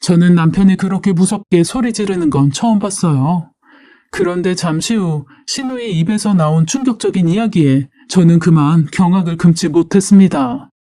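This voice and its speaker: Mellow woman reading a story aloud. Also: fairly low pitch, normal speed, no echo, clean studio sound. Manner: steady first-person storytelling. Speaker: story narrator.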